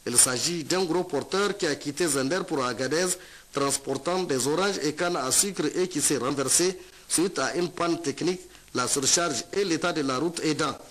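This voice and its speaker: A man's voice: fairly high pitch, a bit bright, rough recording. A man reading a formal news report as a voice-over. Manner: measured, formal delivery.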